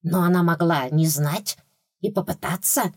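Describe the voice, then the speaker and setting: A woman's voice: fairly low pitch, a little slow, a little mellow, breathy edge. A woman doing a stubborn suspicious ghost rat. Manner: stubborn, blunt and distrustful.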